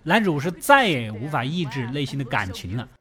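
A man's voice: mid-range voice, sing-song, fairly quick. A man narrating a film recap in a chatty storytelling way, tossing in playful asides to the listener. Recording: voice-over over loud film music.

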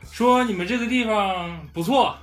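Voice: mid-range voice, normal speed, faint music behind. A person with a Northeastern Chinese accent, chatting and joking casually in slangy dialect. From Northeast China.

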